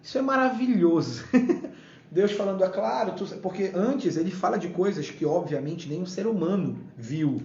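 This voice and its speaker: A man's voice: animated, moderate pace, a little mellow, slight background noise. A man giving a casual devotional talk and playfully acting out dialogue from the Bible. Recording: echoey room, dull low-fi sound.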